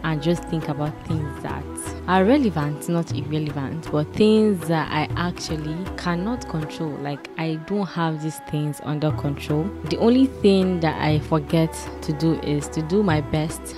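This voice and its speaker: A woman's voice: sits low, moderate pace, over music. A young woman talking to camera in an earnest, repetitive motivational vlog, laughing now and then. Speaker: vlogger. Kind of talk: casual motivational vlog talk. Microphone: camera mic, speaking to camera.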